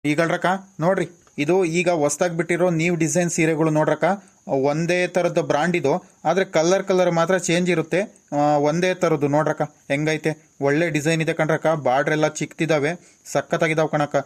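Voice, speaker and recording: A man's voice: a little high, little pitch movement, moderate pace, close to an everyday voice. A man playing a travelling sari seller, coaxing village women with sales patter in a comedy skit.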